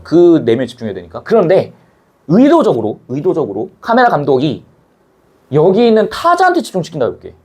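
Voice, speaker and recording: Animated high-voiced male teacher. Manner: animated, chatty, acts out scenes, blunt slang. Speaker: Korean language teacher. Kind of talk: casual classroom lecture.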